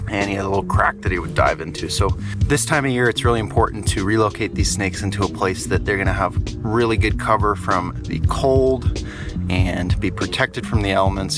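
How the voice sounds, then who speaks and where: A man hosting a casual on-location wildlife vlog as a snake remover, talking to viewers with informal enthusiasm. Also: on the low side.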